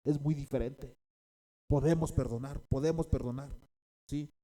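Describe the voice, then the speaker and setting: A man's voice: medium pitch, fairly even intonation, moderate pace, dark tone. A man preaching a sermon as a pastor, repeating key phrases and often checking in with his listeners.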